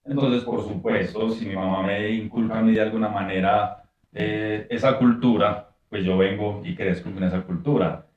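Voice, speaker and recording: A man with a Colombian accent, speaking in a measured, explanatory way. His voice is on the low side. The sound is very roomy and dull, with the mic far off. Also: fairly even intonation, darkish tone, slight background noise. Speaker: guest. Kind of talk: casual conversation.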